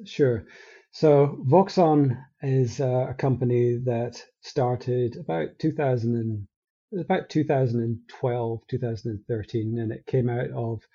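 Mellow Scottish man, husky lo-fi call. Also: mid-range voice. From Scotland. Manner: relaxed, rambling with frequent restarts. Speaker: guest, company co-founder. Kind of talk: casual interview chat.

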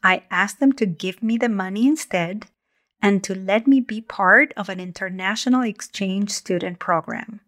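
A woman, hosting her podcast as a communication coach in a calm, measured, gentle way. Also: medium pitch. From Argentina. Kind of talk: scripted podcast monologue.

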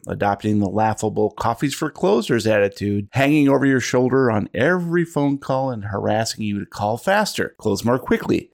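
A man's voice: medium pitch, gravelly. A man hosting a gaming podcast as game keeper, mixing scripted intros with casual banter.

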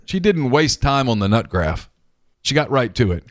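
A man's voice: medium pitch, very animated, normal speed, dry recording. A man co-hosting a sports talk show, bantering wryly and reading listener questions aloud in a studio. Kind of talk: casual sports radio chat. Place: radio studio. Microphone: studio microphone.

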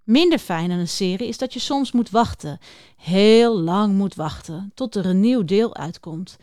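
A woman's voice: mid-range voice, expressive, normal speed, warm tone, no echo, clean studio sound. A woman presenting a children's book series in a scripted talk, speaking directly to young listeners in a friendly way. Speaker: reader introducing a children's book.

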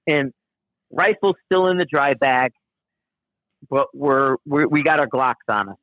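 A man's voice: mid-range voice, measured pace, a bit bright, no echo. A man telling a long outdoor story in casual conversation, rambling and profane, with frequent restarts. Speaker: guest storyteller. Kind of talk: casual spoken anecdote. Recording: dull, dry lo-fi recording.

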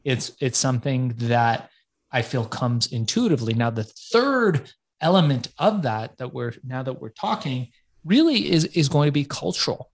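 A man's voice: mid-range voice, big pitch swings, moderate pace. Reflective man from Iran, casual guest. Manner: reflective, casual, swears now and then. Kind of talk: podcast interview.

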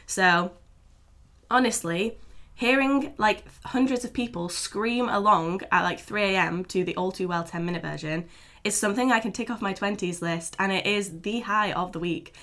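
Brit girl in her 20s w a froggy hoarse worn out voice, bright and forceful, chatty podcast talk. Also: lowish voice. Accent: British. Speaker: podcast co-host and writer. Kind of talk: casual podcast chat.

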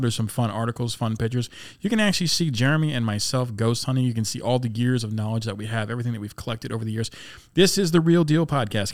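A man hosting a paranormal podcast in a jokey, mock-boastful chatting style. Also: mid-range voice. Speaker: podcast host. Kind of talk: joking paranormal podcast chat.

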